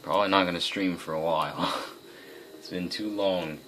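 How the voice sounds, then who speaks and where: A man's voice: low-pitched, steady tone, moderate pace, a bit bright, slight background noise. A man hosting a gaming video, casually commenting on gameplay and thinking aloud in a rambling, self-correcting way. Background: game music.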